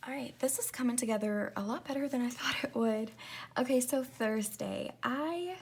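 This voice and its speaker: Talking through her planner decorating, a woman in her 20s who vlogs about planners rambles in a confiding, casual way, often laughing and dropping into soft whispers. Her voice is fairly high and husky, and she speaks at a moderate pace.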